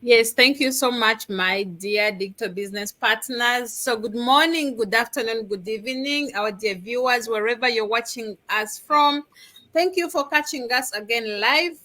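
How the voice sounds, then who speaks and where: Bright, dry-sounding woman co-host. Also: fairly high pitch, moderate pace, no echo. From Uganda. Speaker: co-host and guest speaker. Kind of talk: live online talk show.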